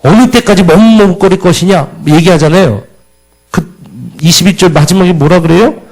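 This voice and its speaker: A man's voice: on the high side, gravelly, breathy edge, low-quality recording. A man preaching a sermon, questioning the congregation and reading scripture aloud with emphatic rises. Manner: asks the congregation questions, loud emphatic peaks.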